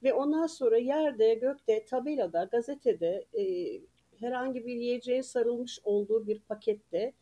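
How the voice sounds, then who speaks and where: Mellow-voiced woman in her sixties, chatty. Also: fairly high pitch, normal speed, muffled recording. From Ankara, Turkey. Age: 60s. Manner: chatty storytelling, laughing between sentences. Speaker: guest author and retired teacher. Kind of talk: casual podcast interview.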